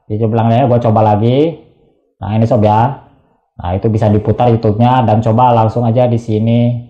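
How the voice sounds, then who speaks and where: A man's voice: medium pitch, fairly even intonation, fairly quick, echoey room, lo-fi sound. A man narrating a casual tech tutorial, chatty and slangy, constantly addressing viewers.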